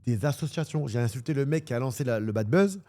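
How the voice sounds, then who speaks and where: A man talking casually as a streamer, rambling, joking and swearing crudely as he gets animated. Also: mid-range voice, fast. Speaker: streamer and football pundit. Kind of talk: casual livestream chat.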